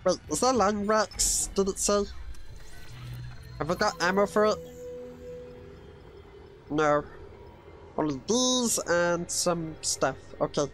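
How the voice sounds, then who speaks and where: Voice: medium pitch, takes it slowly, long pauses, faint music behind. A performer voicing Stitch, a mischievous cartoon alien, doing let's play commentary and speaking of himself in the third person. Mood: excitable. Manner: refers to self in third person, excitable yelps. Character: Stitch, small mischievous male alien, excitable. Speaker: gaming channel host.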